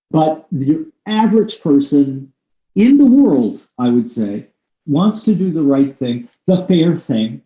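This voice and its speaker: Man, podcast host, discursive interview talk, dark mellow tone, echoey room. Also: on the high side. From United States. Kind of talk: conversational interview. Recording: echoey room, slightly dull sound.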